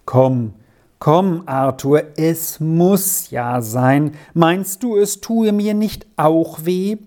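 Woman reading as old housekeeper, storybook, anxious, pleading, slow, mellow. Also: sits low. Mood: worried pleading. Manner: anxious, pleading, softly urgent.

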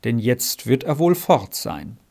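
A man's voice: medium pitch, sing-song, slow pace, vocal fry, a little mellow, heavily acted. A man reading aloud voices a stern, disapproving father in a storybook.

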